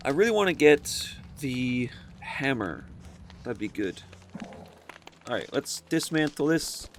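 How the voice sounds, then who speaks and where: A man chatting his way through a video game, his pitch rising and falling a lot as he muses aloud and catches his own slips. There is a faint hiss of noise behind him. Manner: rambling, muses aloud and corrects himself. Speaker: gaming video host. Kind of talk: casual let's-play commentary.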